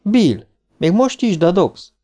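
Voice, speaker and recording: A man putting on a dazed, high-voiced grown woman. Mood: wondering. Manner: high, excited voice with urgent questions. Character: dazed, frightened adult woman, breathless and laughing. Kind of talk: audiobook character voice.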